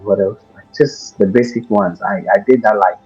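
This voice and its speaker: A young man from Ghana speaks with a Ghanaian accent in a very low, husky voice. He talks haltingly as an interview guest, full of fillers and restarts. The audio is dull and lo-fi. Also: darkish tone, soft background music. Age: 20s. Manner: hesitant, many fillers and restarts. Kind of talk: casual interview.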